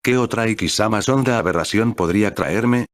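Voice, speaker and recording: Male storyteller, deep and steady, dry close sound. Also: no echo. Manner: measured, steady reading. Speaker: narrator. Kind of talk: scripted story narration.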